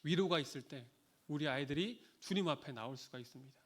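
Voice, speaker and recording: A man's voice: on the high side, fast. A male pastor preaching an earnest sermon, acting out short scolding and comforting quotes along the way. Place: church sanctuary.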